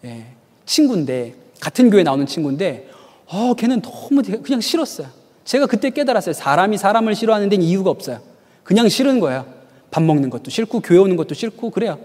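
A man delivers a sermon at a quick pace in a high, animated voice whose pitch swings freely. He tells stories and repeatedly poses rhetorical questions to his listeners, and a long reverb trails after his words.

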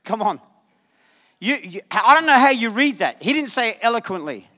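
A male guest preacher giving a lively, jokey sermon to a congregation, punching points with sudden loud bursts. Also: extremely high pitch, moderate pace. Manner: animated, jokey, shouts for emphasis. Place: church sanctuary. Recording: church hall reverb.

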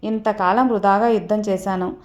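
A woman voicing a calm, stately male god in a devotional story, speaking in a measured, commanding way. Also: medium pitch, natural voice.

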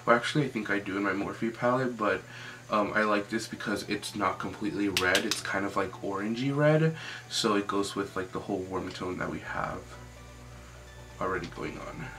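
A young man talks through a makeup tutorial in a casual, informal way. His voice sits a little low, and he peppers his talk with "like". Music plays clearly behind him. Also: normal speed. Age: young adult. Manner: chatty, informal, often says "like".

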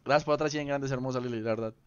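A man's voice: mid-range voice, steady tone, rapid-fire, clean tone, lo-fi sound. A young man, chatting casually on a game stream, teasing and greeting viewers by name. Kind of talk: casual live-stream chat.

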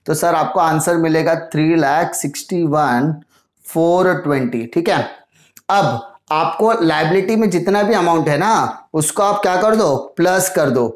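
A man's voice: on the high side, measured pace. Male commerce teacher, echoey room. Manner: explains step by step, asks and answers his own questions; mixes Hindi with English terms. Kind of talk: accounting lesson.

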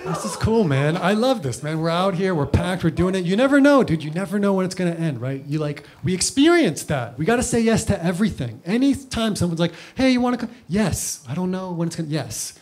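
A man's voice: sits high, sing-song, a little fast, hardly any pauses, darkish tone, a faint crowd. A man in his thirties doing a live stand-up routine, loose and rambling, full of filler words. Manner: loose, rambling delivery full of "like" and "you know". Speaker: stand-up comedian. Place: comedy club. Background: audience laughter.

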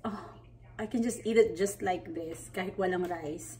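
A woman's voice: fairly low pitch, moderate pace, mellow, recorded from a distance, rough recording. A woman with a Filipino accent, chatting playfully and giggling as she cooks in her home kitchen. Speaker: cooking vlogger. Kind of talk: casual cooking demonstration. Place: home kitchen at the stove, indoors.

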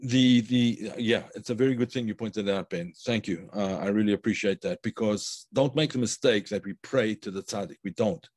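A man teaching a live online class, unhurried and thinking aloud with many fillers and restarts, stopping to praise viewers' comments. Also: fairly low pitch, darkish tone, no echo. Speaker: Kabbalah teacher.

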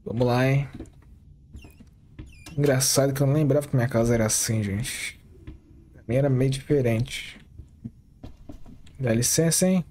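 Mellow-voiced Brazilian gamer joking along. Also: male voice, medium pitch, normal speed, long pauses, a little hiss or hum. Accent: Brazilian Portuguese. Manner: joking, talks to the viewers as he plays. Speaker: gaming channel host. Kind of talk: casual gameplay commentary.

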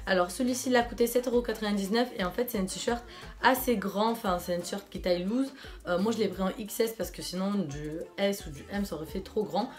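A young woman from France chatting casually through a clothing try-on haul, enthusiastic and full of fillers. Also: mid-range voice. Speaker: fashion vlogger.

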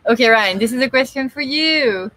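A sailing channel co-host livestreams from a boat cockpit in an outdoor marina, chatting casually with many fillers and restarts. Her voice is high, animated and sharp, at a moderate pace, with no echo and a webcam sound to it.

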